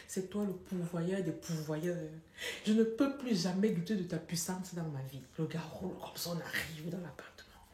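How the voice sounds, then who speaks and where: Lively young woman telling a story in a roomy echo. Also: fairly low pitch. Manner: animated, laughing, dramatic emphasis. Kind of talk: casual storytelling. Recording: echoey room.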